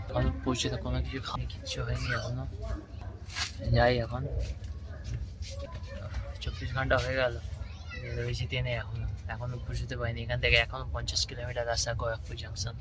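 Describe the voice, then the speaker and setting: A man with a hoarse voice from a cold, talking quietly to his phone camera as he vlogs a long train journey. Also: mid-range voice. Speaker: travel vlogger. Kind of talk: casual train travel vlog. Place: inside a moving train. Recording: train noise behind the voice. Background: train noise.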